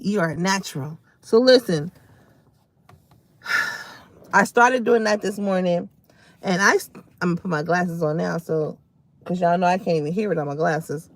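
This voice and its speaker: A woman's voice: medium pitch, a little slow, long pauses. A woman hosting a casual live stream from home, chatting to her viewers and calling them y'all and baby. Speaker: livestream host.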